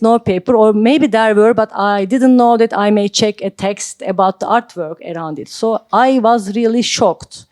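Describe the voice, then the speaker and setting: A woman's voice: medium pitch, a little mellow, no echo, clean studio sound. A woman in her forties from Turkey, telling a story as a guest at a panel talk, hesitant, with many filler sounds. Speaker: art collector, panel guest. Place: library event hall.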